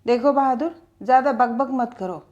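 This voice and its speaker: A woman playing a quick-tempered young woman student, scolding, irritated, fairly high voice, storybook. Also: a little mellow, highs cut off, natural voice.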